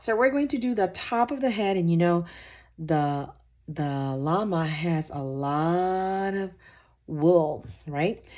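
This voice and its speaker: A woman's voice: fairly low pitch, warm tone. A woman teacher giving a patient, step-by-step drawing lesson for children, repeating each step and encouraging them.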